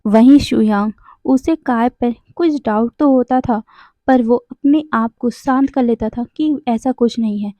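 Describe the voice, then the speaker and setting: A woman's voice: a little high, a little slow, mellow, no room sound. A woman narrating a fan story in a casual, conversational way, now and then correcting herself.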